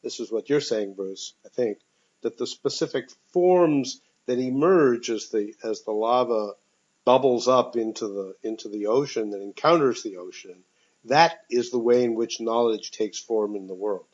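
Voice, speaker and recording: A man's voice: medium pitch, moderate pace, darkish tone, breathy edge. Man teaching over a dull speakerphone. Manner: thoughtful, hesitant, many ums. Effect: speakerphone on a phone call. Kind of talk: leading a text discussion class. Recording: dull speakerphone call audio.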